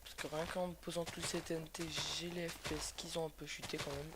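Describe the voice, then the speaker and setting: A young Frenchman with a fairly high voice talks over a video game while sick, sounding like his throat is sore and swollen. He is casual and slangy, swears freely and hesitates often. The cheap microphone is clearly noisy. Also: little pitch movement, fairly quick. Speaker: gaming video host. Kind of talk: casual gameplay commentary. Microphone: cheap computer microphone.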